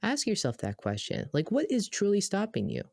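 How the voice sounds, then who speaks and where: Casting: Boston-raised podcast co-host, woman, lively swooping delivery, dry close mic. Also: medium pitch, a little fast, creaky, no echo. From Boston, USA. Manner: animated, emphatic, storytelling. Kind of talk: casual podcast chat.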